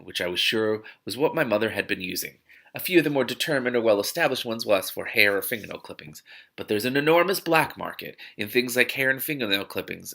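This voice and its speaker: A man hosting a book read-aloud show reads in an expressive, audiobook style with a gravelly, bright voice on the low side. He's enthusiastic and interjects spontaneous reactions along the way.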